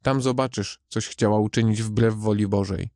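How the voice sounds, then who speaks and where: A man reading the part of Death, a stern calm gardener of souls, in a grave measured voice. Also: lowish voice, no room sound, studio quality, lightly acted.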